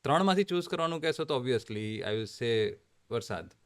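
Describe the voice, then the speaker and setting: A middle-aged man from Ahmedabad with a Gujarati accent, a doctor talking in a relaxed way, dropping in English phrases. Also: medium pitch, normal speed, clear, resonant tone. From Ahmedabad, India. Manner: relaxed, mixes English phrases, light laughter. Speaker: oncologist guest. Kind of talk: conversational interview.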